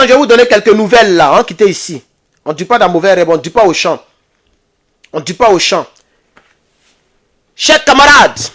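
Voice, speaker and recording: A man, talking casually to his viewers in a live political vlog, repeating himself and urging them on. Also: sits high. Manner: exhorting, repetitive, addresses viewers as comrades. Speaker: political video blogger.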